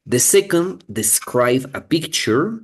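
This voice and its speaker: An English teacher runs an online exam-prep lesson, explaining things and frequently checking that students follow with questions like "okay" and "right." The voice is medium-pitched, very animated, slow, with a breathy edge.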